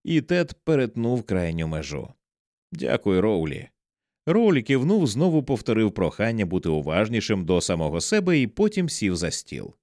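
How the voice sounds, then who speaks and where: A man narrates an audiobook in a low, expressive voice. His pitch rises and falls widely as he builds tension, and the recording is dry and close, with no room sound. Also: no echo. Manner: measured, dramatic storytelling with wide swings in pitch. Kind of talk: audiobook reading of a horror novel.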